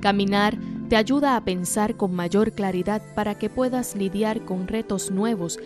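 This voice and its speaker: A woman's voice: mid-range voice, measured pace. Woman reading health tips, mid voice, music playing under. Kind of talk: scripted health segment.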